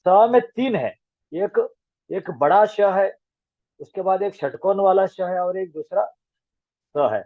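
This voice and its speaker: A man's voice: high voice, takes it slowly, long pauses, no room sound. A man teaching a grammar class online, patiently spelling out letter sounds one at a time. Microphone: video call. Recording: tinny dry call audio.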